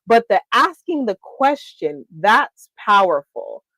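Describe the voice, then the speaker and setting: A woman's voice: a little high, big pitch swings, slow, bright, forceful tone, dry recording, low-quality recording. A woman hosting a talk show in a casual, chatty way, affirming and quoting herself as she tells stories. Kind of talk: casual chat.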